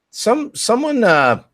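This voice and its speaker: A man's voice: sits high, fairly bright tone. A man co-hosting a live stream in casual, joking chat.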